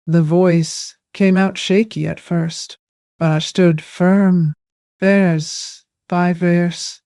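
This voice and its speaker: An older woman narrating a first-person story in a slow, hushed, reflective way. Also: lowish voice, no room sound, clean studio sound.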